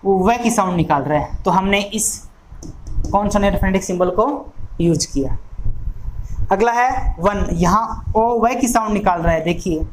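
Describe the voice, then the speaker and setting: A male teacher walks through each word slowly, naming every sound in turn and repeating the word to drill it. His voice sits fairly high and carries a faint hiss behind it. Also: low-quality recording. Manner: slow, deliberate, spells out sounds one by one; repeats words to drill pronunciation. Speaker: English exam-prep teacher. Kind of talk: recorded classroom lesson.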